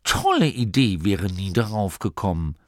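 A man's voice: low-pitched, sing-song, no room sound, clean studio sound. A man voicing a small male nome who solemnly recites shop-sign slogans in a lofty, declaiming manner, in an audiobook reading. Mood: haughty. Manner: lofty, slow, declaiming like an advert.

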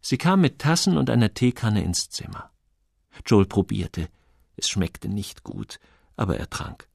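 A man narrating an audiobook in a calm, low and expressive storytelling voice. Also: a little slow, vocal fry, slightly rough, dry recording, studio quality.

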